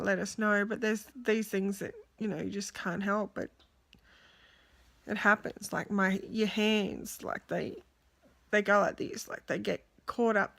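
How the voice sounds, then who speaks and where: A woman's voice: medium pitch, gravelly, a bit bright. Woman, young adult, video diary; tired, candid, rambling delivery, worn out and close to tears. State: exhausted and emotional. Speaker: vlogger. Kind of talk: casual personal video diary.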